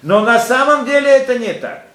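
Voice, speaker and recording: A man's voice: very high voice, normal speed, a bit bright. A man giving a Torah lesson to students. He explains through rhetorical questions and quotes Hebrew verses. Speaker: Torah teacher. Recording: echoey room with faint ambience.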